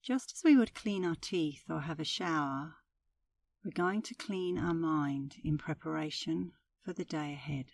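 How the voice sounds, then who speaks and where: A female meditation guide gives gentle, instructional narration in a lowish, warm, relaxed voice, unhurried and soothing. The recording is dry, with the mic placed at a distance.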